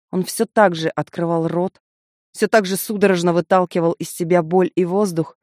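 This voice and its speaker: A woman narrating a dark fantasy audiobook in a vivid, tense storytelling manner. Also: lowish voice, no echo, studio quality.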